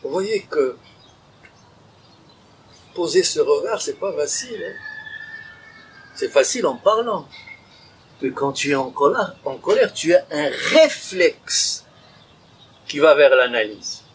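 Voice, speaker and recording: Male conference speaker, slightly high voice, animated spiritual lecture with acted asides. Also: takes it slowly, pauses often, a little hiss or hum, poor audio. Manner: animated, acts out inner dialogues, calls listeners habibi.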